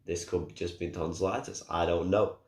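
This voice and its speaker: A young man with a very deep voice, hoarse and cracking from a sore throat. He rambles casually, restarting sentences and apologizing as he goes. The sound is echoey, like a bare room. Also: fairly even intonation, moderate pace. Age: young adult. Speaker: gaming YouTuber.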